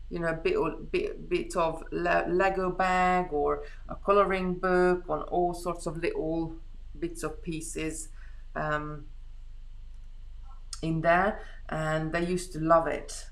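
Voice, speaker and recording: On a low-quality recording, a middle-aged Hungarian woman with a fairly low, gravelly voice chats casually during a live craft stream. She rambles and thinks out loud as she works with her hands.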